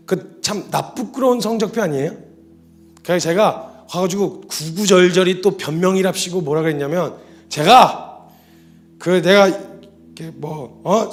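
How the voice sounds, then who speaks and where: A man preaching a sermon with personal testimony, his delivery swinging between loud emotional pleading and quiet, hushed confession. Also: a little high.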